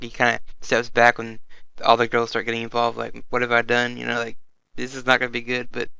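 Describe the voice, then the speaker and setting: A man's voice: mid-range voice, creaky, pushed and bright, clear, resonant tone, no echo, lo-fi sound. A man co-hosting an anime review in casual chat, reacting to the plot and laughing often. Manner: chatty, laughs often, quotes characters.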